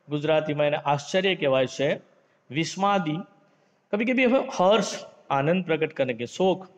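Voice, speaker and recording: A male teacher talks unhurriedly through a grammar lesson in a fairly high voice. He leans on examples, mixes in English words, and addresses the class as friends. The sound is dull and lo-fi, with a long echo from a large reverberant room. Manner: reads example sentences in a lifted, acted voice.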